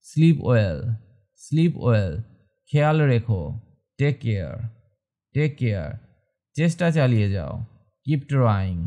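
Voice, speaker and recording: Guy teaching english, slow and mellow, says every phrase twice, voice goes up and down a lot. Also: mid-range voice. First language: Bengali. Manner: slow, deliberate drilling of short phrases. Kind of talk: scripted language lesson, repeating each phrase twice.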